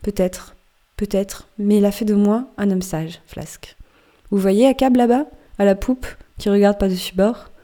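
A woman reading an audiobook as a wry, boastful male sailor who recounts a strange dream in a lively, conspiratorial way. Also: medium pitch, normal speed, natural voice.

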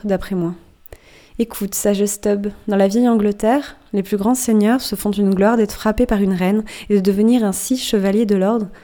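A woman reading an audiobook and voicing a hairy, hunchbacked old male merman who mumbles and repeats himself slowly. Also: mid-range voice, warm tone, close to an everyday voice.

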